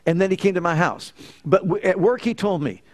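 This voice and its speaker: A middle-aged man with a high voice preaches a sermon fairly quickly and emphatically, repeating phrases in threes. He tells personal stories, complete with quoted dialogue.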